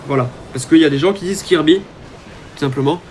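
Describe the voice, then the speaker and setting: A man's voice: a little high, a little fast, darkish tone, slight background noise. A man giving casual, rambling commentary over his own gameplay, talking to his viewers with many hesitant fillers. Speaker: gaming YouTuber.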